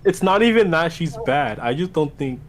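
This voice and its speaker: A man chatting on a group call, fairly high-pitched and quick to argue. He talks over others, repeats his objections over and over, and a faint noise sits behind him. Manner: excitable, argues loudly, repeats "no". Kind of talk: casual heated chat.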